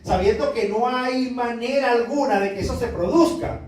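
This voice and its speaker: A man's voice: very high-pitched, normal speed, darkish tone. A male pastor preaching a sermon and reading from the Bible, talking earnestly and asking his listeners "you know?" again and again. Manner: earnest, repeats "¿sabe?" to the congregation. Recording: very echoey room, voice far from the mic.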